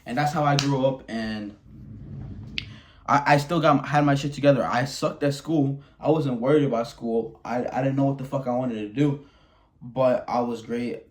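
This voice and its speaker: A young Wisconsin man in his early twenties speaks at a moderate pace, his mid-range voice steady and darkish in tone. Speaking bluntly and candidly to camera about personal matters, he swears often and repeatedly restarts what he's saying.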